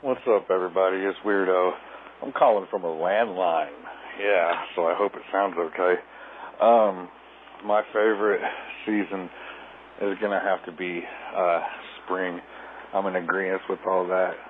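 Deep flat-voiced man over a landline phone. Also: a little slow. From Southeast Kansas. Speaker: caller. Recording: tinny landline voicemail, faint noise.

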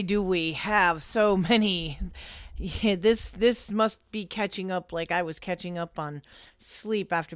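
A woman's voice: medium pitch, no room sound, studio quality. A young adult woman co-hosting a casual show, telling her rideshare driving stories in a blunt, profane, exasperated way. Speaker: co-host and rideshare driver. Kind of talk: casual storytelling chat.

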